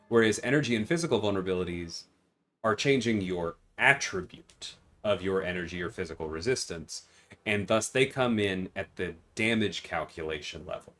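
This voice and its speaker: A man with a low-sitting, fairly bright voice hosts a casual livestream, playing a game while explaining its mechanics and answering viewers. He is a livestream host and game designer offering chat and gameplay commentary.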